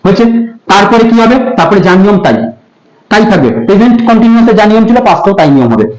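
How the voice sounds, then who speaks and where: A teacher with a Bengali accent giving a grammar lesson to school students, patiently repeating key terms and asking whether the class has understood. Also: female voice, mid-range voice, sing-song, very fast, a little mellow, echoey room, rough recording.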